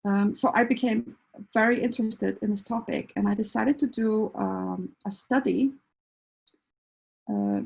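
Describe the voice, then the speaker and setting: A woman's voice: medium pitch, animated, unhurried, gravelly, darkish tone, slightly rough, low-quality recording. A middle-aged woman from Iceland, a veterinarian giving a hesitant, casual introductory talk full of fillers. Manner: hesitant, many fillers and restarts. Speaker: veterinarian and behavior counselor.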